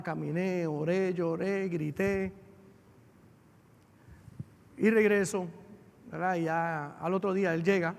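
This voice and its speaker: A man's voice: high voice, gravelly. A man, a pastor telling a family story in a sermon, with emotion that builds as he goes. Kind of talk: sermon testimony. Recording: long hall reverb.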